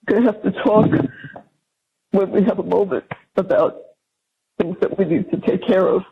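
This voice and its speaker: A mother speaking haltingly and carefully on a recorded jail payphone call, with a husky voice. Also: medium pitch. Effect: jail payphone call line. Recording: dull recorded phone call.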